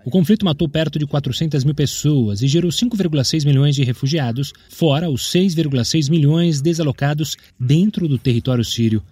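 Husky, mellow Brazilian male newsreader. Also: on the high side, a little fast, hardly any pauses, no room sound. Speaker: news podcast presenter. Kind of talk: scripted news narration.

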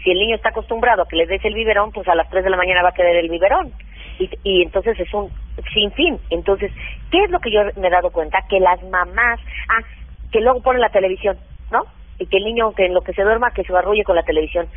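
A woman parenting expert giving practical advice in an animated, hands-on way during a radio interview, heard over a phone line. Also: medium pitch, fast talker, no echo. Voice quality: practical, animated, acts out what mothers say.

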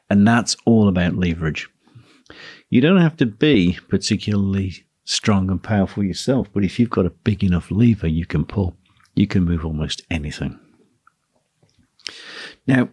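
A man hosting a solo talk on running a teaching business, speaking in a relaxed, musing way. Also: sits low, slightly rough. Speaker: podcast host, guitar teacher.

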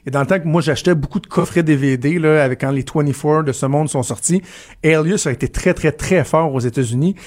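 Man, Quebec French accent, radio studio host, casual animated chat. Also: on the high side, brisk. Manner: chatty, animated storytelling.

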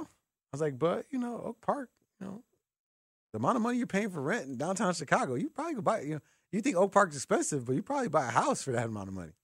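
This sports radio host is a man whose fairly high voice has a slight roughness. He talks casually from the studio, telling lively stories full of acted-out exchanges, captured at studio quality without echo.

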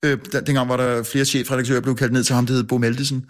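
A man's voice: mid-range voice, little pitch movement. A man who works as a newspaper editor, a guest telling a story in casual chat, full of restarts and fillers and chuckling at himself. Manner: halting, many restarts and fillers.

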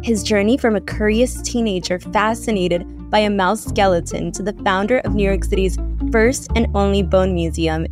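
A woman hosts a podcast, reading her scripted introduction in a measured, polished announcer voice. A clear plucked-guitar music bed plays underneath her. Her pitch sits in the middle range. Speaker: podcast host.

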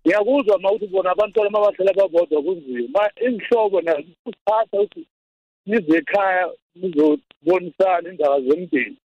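A South African man phoning a radio show, giving a personal account in a halting, repetitive way over a phone. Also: high-pitched. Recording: dull lo-fi phone-in line.

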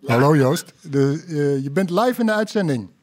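A man hosting a relaxed podcast at a table with guests. His voice sits a little on the high side. He is playful and joking, and he steers the talk. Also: moderate pace. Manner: playful, joking, leads the conversation. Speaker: podcast host. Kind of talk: casual podcast chat.

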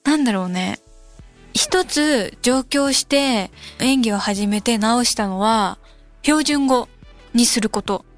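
Relaxed, musing woman radio host. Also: a little high, slow pace. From Kansai, Japan. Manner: relaxed, musing, thinks aloud. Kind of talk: casual radio talk reading listener mail. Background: soft background music.

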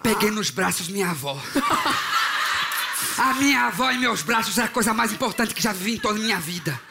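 A man improvising comic sketch lines in a mock-dramatic way, his voice pitched fairly high. Heavy ambient noise fills the space behind him. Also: lively intonation, fairly quick, creaky. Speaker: comedy improviser.

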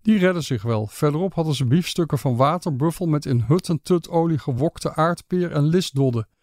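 Male audiobook narrator, calm and measured, matter-of-fact, dry close sound. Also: fairly high pitch, no echo.

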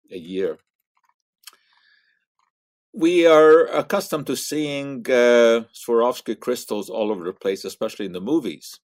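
An older man giving an educational science talk in an explaining manner, pausing on "uh" and repeating words. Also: medium pitch, no echo, clean studio sound. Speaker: science commentator. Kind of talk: educational monologue.

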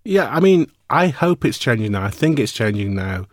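A man's voice: medium pitch, moderate pace, dry recording, studio quality. A man in his fifties, a musician guest in an interview, talking reflectively and at length with fillers. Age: 50s. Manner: reflective, animated, rambling with fillers. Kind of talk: interview conversation.

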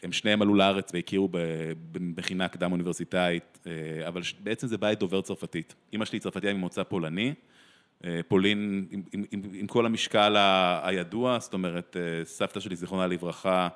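An Israeli translator and theatre director reflects in an interview, speaking thoughtfully with many pauses and frequent sentence restarts. His voice is low, steady and fairly bright in tone.

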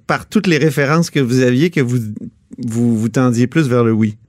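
A man's voice: mid-range voice, normal speed, a little mellow, no room sound, clean studio sound. A man with a Quebec French accent hosting a radio interview, asking probing questions and cutting in. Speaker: radio host.

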